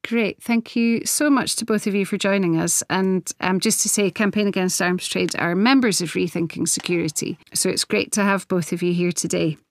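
A woman hosting a podcast, speaking in a measured, earnest way as she introduces guests and asks questions, with occasional self-corrections. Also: lowish voice, steady tone, no room sound. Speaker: podcast host. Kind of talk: scripted podcast introduction and interviewing.

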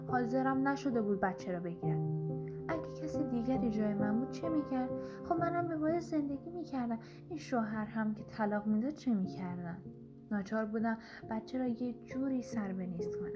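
A woman narrating a first-person short story in a measured, earnest way. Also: on the high side. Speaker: audiobook narrator. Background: background instrumental music.

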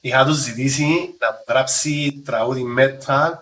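A man's voice: medium pitch, fairly even intonation, a bit bright. A man with a Greek Cypriot accent, a band member in an interview, chatting casually in dialect with the odd English word. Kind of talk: casual chat.

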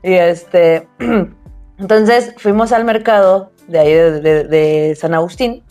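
A young woman with a Mexican accent, co-hosting a casual chat and telling stories in an animated way, full of slang fillers. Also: fairly low pitch, slow pace, soft background music. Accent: Mexican Spanish. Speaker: podcast co-host.

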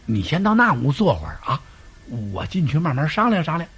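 A man's voice: on the high side, huge pitch swings, a little fast, fairly bright tone, husky, heavily acted. A man voicing a crafty, tearful middle-aged lord who speaks hesitantly in a storytelling performance.

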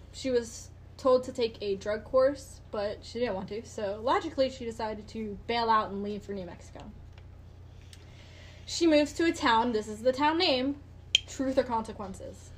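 A woman's voice: fairly high pitch, unhurried, a little hiss or hum. A woman hosting a casual true-crime podcast with friends, telling the case with dry sarcastic asides and laughs. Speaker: podcast host.

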